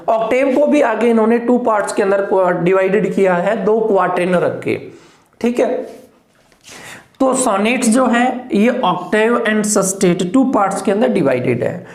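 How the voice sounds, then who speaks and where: A woman delivers an exam-prep lecture on English literature in Hindi with English terms, explaining terms step by step, counting syllables aloud, and often asking "clear?" to check her students follow. Her mid-range, slightly mellow voice moves at a moderate pace in an echoey room.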